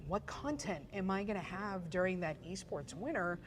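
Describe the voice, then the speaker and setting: Speaking a bit low with lively intonation at a moderate pace, this forties-aged esports photographer and journalist from Pittsburgh, USA, recounts her story in a casual interview, full of fillers and false starts. A faint hiss or hum sits under the recording.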